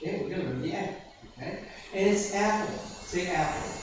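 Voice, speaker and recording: A man's voice: high voice, lively intonation, brisk. A man with an American accent teaching English pronunciation, patiently checking in with "okay?" after each point. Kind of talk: classroom language lesson. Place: classroom. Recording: echoey room from a distant mic, dull sound, noisy.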